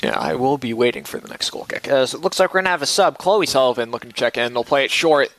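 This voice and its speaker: A man's voice: medium pitch, very animated, fast talker, fairly bright tone, a little hiss or hum. A man calling live soccer play-by-play in clipped, running phrases. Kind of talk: live sports commentary.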